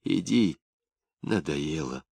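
Weary young woman, as a male narrator reads her, quiet, flat, dry mic. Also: rumbling low, slow, gravelly, husky, no room sound, full character voice. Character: worn-out tearful young woman.

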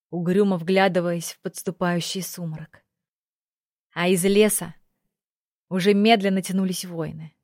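A woman narrating a fantasy audiobook in a steady, expressive reading. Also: medium pitch, no echo, studio quality. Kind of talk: scripted narration.

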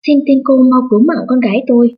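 A woman's voice: high voice, fast talker, husky, highs cut off, faint music behind, voice pushed up. A woman doing a frantic pleading mother. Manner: pleading, wailing. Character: frantic mother begging for her daughter.

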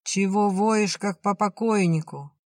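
A man's voice: high voice, unhurried, no room sound, clean studio sound, voice pushed up. A man voicing a stern older village woman seeing her son off to war, in a storybook reading. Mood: gruff tender. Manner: stern, plain-spoken, commanding.

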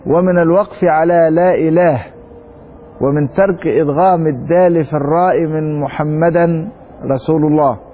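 A man with an Egyptian Arabic accent teaching a religious lesson, reading a text slowly and then explaining it with rhetorical questions to his students. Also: on the high side, mellow, slight background noise. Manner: reads a text slowly, then comments quickly. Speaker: sheikh teaching Maliki law.

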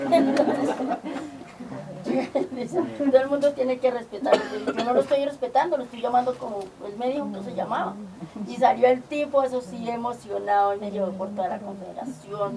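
An older woman from Colombia, telling lively stories from her community work, often acting out quoted dialogue. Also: fairly high pitch. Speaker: community organizer. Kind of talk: storytelling. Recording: distant mic with clear background noise.

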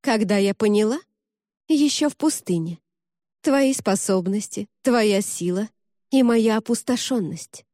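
A woman's voice: medium pitch, a little slow, no echo, clean studio sound, close to an everyday voice. A woman voicing a furious vengeful red-haired girl. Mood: bitter. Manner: shouting, raging accusations. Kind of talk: audiobook character reading.

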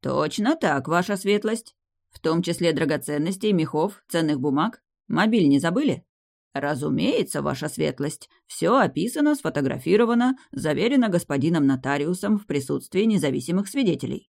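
A proper old-school butler, discreet and respectful, voiced by the audiobook narrator. He speaks formally and at a measured pace, a little slower and more restrained than the narrator's usual reading. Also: medium pitch, expressive, gravelly, a little mellow. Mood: deferential.

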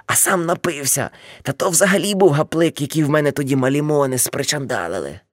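A woman's voice: sits low, dry recording, studio quality. A woman voicing an older man, a boastful ex-hippie uncle, telling rambling brash stories in an audiobook.

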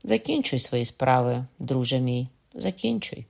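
A man's voice: medium pitch, very animated, unhurried, vocal fry, a little mellow. A man voicing a shrewd, wry young king in an audiobook reading. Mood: warm.

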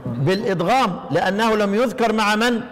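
Egyptian male recitation teacher, high pitched, chants verses and quizzes students, reverberant hall. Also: animated. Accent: Egyptian Arabic. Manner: quizzing listeners with repeated questions, chanting verse slowly. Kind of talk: explaining a recitation poem to students.

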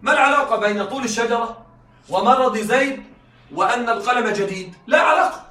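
Male lecturer, high and bright, quizzes the class often, recorded from across an echoey room. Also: recorded from a distance, a little hiss or hum. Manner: keeps checking students follow, repeats key points; reads examples slowly and deliberately. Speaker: teacher.

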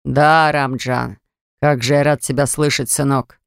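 A reader voicing an indignant elderly father who speaks in slow, low, grumbling outbursts, in an audiobook. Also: flat delivery, gravelly, smooth, no room sound, studio quality. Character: indignant elderly father, hot-tempered and dramatic. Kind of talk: audiobook character voice.

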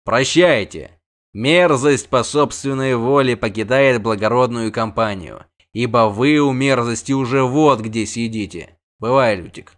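A man's voice: medium pitch, unhurried, a bit bright, lightly acted. A man reading an audiobook, voicing a proud monster hunter who speaks formally with bitter irony. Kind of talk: audiobook character voice.

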